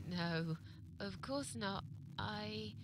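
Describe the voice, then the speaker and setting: An actress voicing a withdrawn, reluctant middle-aged woman, quiet and mumbling. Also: mid-range voice, extremely slow, background noise. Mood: awkward mumble. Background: game music.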